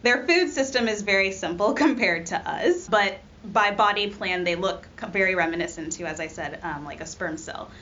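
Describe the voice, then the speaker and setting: In a slightly dull recording with faint background noise, a young postdoc researcher from Rwanda talks through her work in a casual science interview, full of ums and uhs. She has a mid-range, slightly bright voice with lively intonation, speaking at a normal speed with few pauses.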